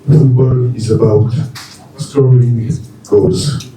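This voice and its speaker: A middle-aged man with a French accent, from France and Mali, is unveiled as a new football coach and gives a formal speech at a press conference. His English is halting, with restarted words and short plain sentences, at a medium pitch and fairly even intonation. The echoey hall carries crowd noise, and he stands far from the mic.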